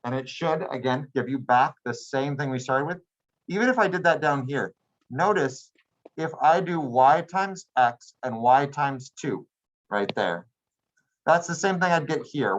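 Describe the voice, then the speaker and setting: A man's voice: medium pitch, dull audio. Male math teacher lecturing a class. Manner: checks in with students often, patient and plain.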